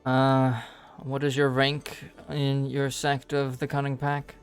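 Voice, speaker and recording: A man voicing a brisk noblewoman official in a tabletop game, asking questions. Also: mid-range voice, completely flat delivery, clean tone.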